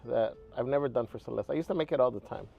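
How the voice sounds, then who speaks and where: A man co-hosting a live stream while grilling outdoors, tossing in quick, offhand remarks from a distance. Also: medium pitch, gravelly, muffled recording. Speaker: livestream co-host cooking on the grill. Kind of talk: casual banter. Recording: distant from the mic, noisy outdoors.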